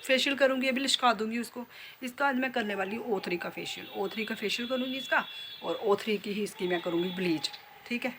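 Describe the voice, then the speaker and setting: A woman's voice: fairly high pitch, a little fast. Woman beautician doing a casual home vlog, chatty and teasing, noisy background. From Jammu. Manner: chatty, playful, talks straight to viewers with many tag questions. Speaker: vlogger and beautician. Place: at home, indoors. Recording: noticeable background noise.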